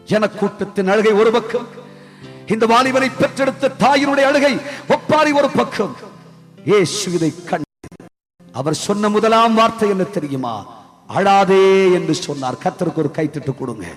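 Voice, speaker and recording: Man, preacher, fervent sermon, very high-pitched voice, dramatic repetition, long reverb, faint music behind. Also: animated, normal speed, long pauses. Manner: dramatic, repetitive rhetorical questions to the crowd. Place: open-air festival grounds.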